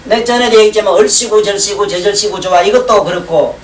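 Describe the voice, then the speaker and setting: Quick and high-voiced, a man rambles through a lecture on Chinese classics, joking and checking his students are following along. The mic sits well away from him in an echoey room, and faint hiss gives it the feel of a 1990s lecture tape.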